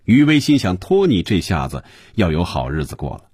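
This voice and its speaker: A man narrating a novel in an expressive storytelling manner. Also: deep voice, normal speed, breathy edge, dry recording, studio quality. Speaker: audiobook narrator.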